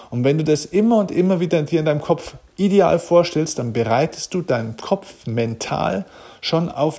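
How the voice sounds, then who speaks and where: A man's voice: fairly high pitch, creaky, mellow, slightly rough. A man giving an earnest, direct motivational talk, answering questions and addressing the listener personally. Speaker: motivational speaker.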